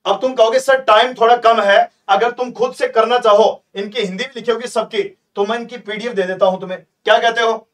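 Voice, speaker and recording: High-voiced teacher coaxing his class. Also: fairly even intonation, brisk, distant mic. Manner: chatty, coaxing, repeats himself, asks students questions. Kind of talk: live online exam-prep lesson.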